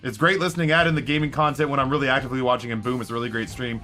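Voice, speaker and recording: A middle-aged man streams a video game, talking very fast in a mid-range, steady voice that sounds pushed and bright. He rambles through casual, self-deprecating chat without ever letting the talk stop, while music plays clearly behind him.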